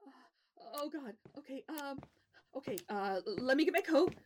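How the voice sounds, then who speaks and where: A woman's voice: high voice, lively intonation, moderate pace, a little hiss or hum. A woman playing a nervous, emotional young woman in a naturalistic screen drama, hesitant in her speech. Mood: flustered, anxious.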